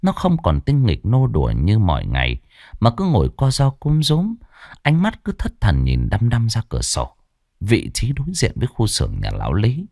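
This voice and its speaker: Husky, dramatic male storyteller. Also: lowish voice, huge pitch swings, darkish tone, no room sound, studio quality. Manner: dramatic, slowing for suspense. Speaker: audiobook narrator. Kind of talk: horror story narration.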